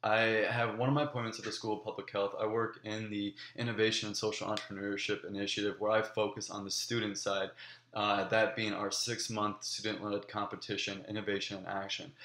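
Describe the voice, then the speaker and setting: A man's voice: on the low side, level tone, brisk, fairly bright tone, reverberant. Earnest young man with many ums. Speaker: graduate student applicant. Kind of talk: video application pitch.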